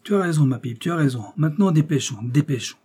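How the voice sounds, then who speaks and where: A man reading aloud and voicing a brisk, commanding male henchman in disguise. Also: fairly high pitch, lively intonation, mellow, husky. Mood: urgent. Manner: urgent, commanding.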